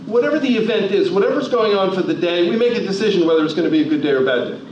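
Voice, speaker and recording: Speaking very fast with lively intonation, this New Jersey man in his forties delivers a motivational talk in a big hall, firing off emphatic rhetorical questions and varying his pace. His voice sits high and sounds a little mellow. The hall recording is distant, dull, echoey and has noise.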